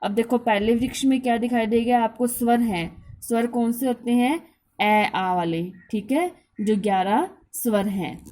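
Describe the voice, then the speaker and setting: Female schoolteacher, slow and deliberate, warm mellow tone, talks through questions and answers. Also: on the high side. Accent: Hindi. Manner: asks questions and answers them herself. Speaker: teacher. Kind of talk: school grammar lesson.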